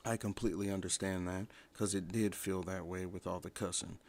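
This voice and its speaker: A man's voice: sits low, steady tone, fairly quick, darkish tone. A man in his twenties giving a casual livestream review in a blunt, opinionated, rambling way. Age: 20s. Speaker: show reviewer.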